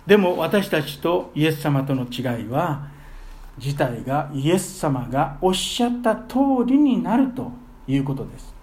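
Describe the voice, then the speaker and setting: A man preaching a sermon as pastor, earnest, with his voice swelling loudly on key phrases. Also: fairly high pitch.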